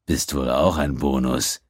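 A smug, menacing space pirate, as a man reads him in an audiobook. The voice stays deep and unhurried, with a calm, mocking growl under it. The sound is dry and right up close. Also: slightly rough, no room sound, exaggerated voice. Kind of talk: audiobook character voice.

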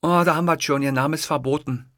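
A woman's voice: low voice, fairly even intonation, fast talker, dry recording, close to an everyday voice. A woman voicing a blunt young office clerk, dry and matter-of-fact with casual slang. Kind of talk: audiobook character voice.

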